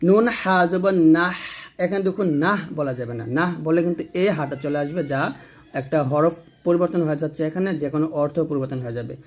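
Man slowly spelling out recitation sounds. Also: on the high side, a little mellow. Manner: patient, repeats syllables slowly, drawing out sounds. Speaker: Quran recitation teacher. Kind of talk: slow letter-by-letter pronunciation lesson.

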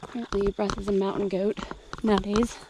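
A woman's voice: medium pitch, little pitch movement, a little fast, heavy background noise. A woman vlogging while hiking outdoors, chatting and poking fun at herself. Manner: chatty, self-mocking. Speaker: travel vlogger. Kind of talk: casual chat.

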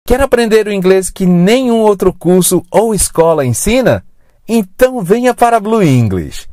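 An English teacher narrating a scripted lesson, modelling words slowly and clearly. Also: medium pitch, very animated, mellow, no room sound, clean studio sound. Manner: slow, clear, drawn-out word modelling.

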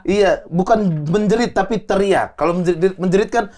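A man's voice: high voice, brisk, a loud crowd. A man guest joking and laughing a lot in a casual podcast chat. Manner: laughs a lot, animated, jokey. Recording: loud clicking noise behind.

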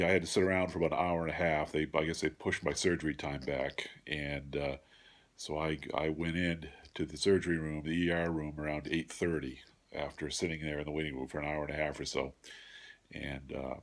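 A middle-aged man with a congested, stuffed-up nose talks haltingly in a casual video diary, recorded at home on a phone at arm's length. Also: a bass voice. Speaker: vlogger giving a surgery recovery update. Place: home room with a large window, indoors.

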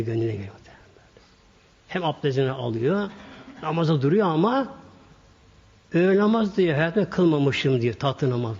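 A man's voice: a little high, a little mellow, husky. A man preaching a sermon to a congregation, telling a story and acting out the quoted dialogue. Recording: dull echoey hall recording.

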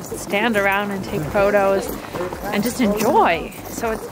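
A woman in her thirties vlogging outdoors in a snowy valley, talking excitedly to a handheld camera. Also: mid-range voice, unhurried, over a noisy crowd, low-quality recording. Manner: excited and gushing. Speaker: travel vlogger. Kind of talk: travel vlog. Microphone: handheld camera at arm's length.

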